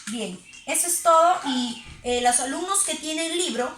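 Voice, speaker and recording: A woman's voice: high voice, normal speed, a bit bright, roomy sound, a little hiss or hum. A woman teacher giving a recorded lesson, patiently asking questions and answering them herself. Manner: patient, asks and answers her own questions.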